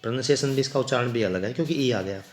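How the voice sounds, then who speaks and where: Man teaching an english story, reads slowly and spells words out, roomy echo. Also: medium pitch, slight background noise. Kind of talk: explaining an English story in Hindi.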